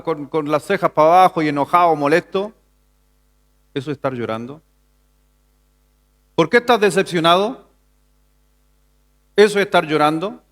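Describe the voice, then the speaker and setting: Chilean pastor preaching a Sunday sermon. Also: male voice. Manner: preaching with rhetorical questions, rising to an emphatic pitch. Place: church sanctuary.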